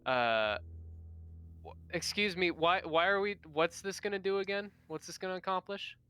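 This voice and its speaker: Bright, crisp male tabletop player. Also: high voice, moderate pace, no room sound. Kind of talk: casual in-character role-play and table talk. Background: music.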